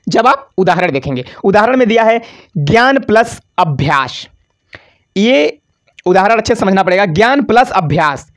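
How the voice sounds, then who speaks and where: A grammar teacher with a medium-pitched, fairly bright voice gives an exam-prep lesson over slides, casually calling students "bhaiya." The teacher asks the class questions and answers them, stretching out syllables on examples and repeating key words.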